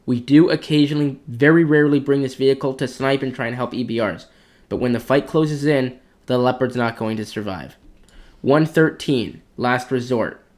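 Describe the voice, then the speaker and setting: Speaking at normal speed with a medium-pitched, darkish voice, a man ranks tanks for competitive play as a clan commander. He thinks out loud, offering blunt opinions in a casual gaming-commentary style.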